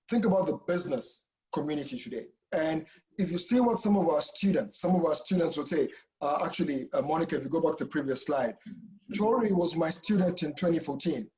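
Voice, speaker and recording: A Kenyan professor chats casually in an online info session, his voice pitched high and expressive, a little fast and warm in tone. The recording is rough, and he often restarts sentences and checks in with "okay?"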